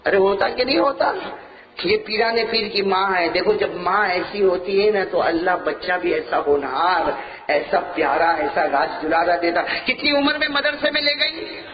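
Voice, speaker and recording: High, bright-voiced passionate male preacher. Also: animated. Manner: passionate, asks the audience rhetorical questions; calls listeners my friends. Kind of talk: Islamic sermon storytelling. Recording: echoey room with faint background noise.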